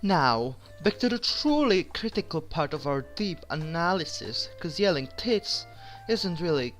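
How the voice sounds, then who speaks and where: A man's voice: a little high, big pitch swings, measured pace, fairly bright tone, faint music behind. A man narrating a comedic anime review in a sarcastic, crude, mock-dramatic way.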